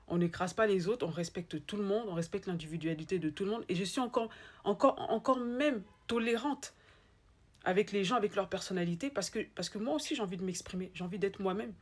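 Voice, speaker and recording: A woman with an Ivorian French accent giving a motivational monologue, emphatic and repeating her points straight to the listener. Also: medium pitch. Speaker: motivational speaker.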